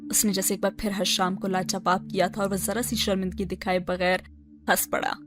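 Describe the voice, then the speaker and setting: A woman host reads a novel aloud and then chats about it in a relaxed, conversational way. Steady music plays beneath her voice throughout. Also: mid-range voice. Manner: relaxed, chatty commentary. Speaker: storyteller and channel host. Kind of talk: novel reading and review. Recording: narration over background music. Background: background music.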